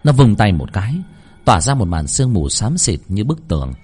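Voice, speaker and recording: A man narrating a horror story in a dramatic, lively storytelling manner. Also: lowish voice, fairly quick, slightly rough, faint music behind.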